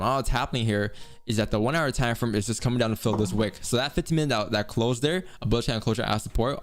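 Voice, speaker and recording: A chatty man hosts a live trading stream, thinking out loud and laughing easily. His voice sits a bit low and has an easygoing, casual flow. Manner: chatty, laughs often, thinks aloud with restarts. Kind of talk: casual live-stream chat and market commentary.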